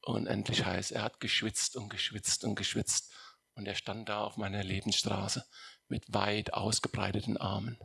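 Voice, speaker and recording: A man's voice: fairly low pitch, level tone, normal speed, creaky, pushed and bright, breathy edge, no room sound. A man giving a heartfelt personal testimony at a church service. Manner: emotional, heartfelt storytelling. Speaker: congregation member giving a testimony.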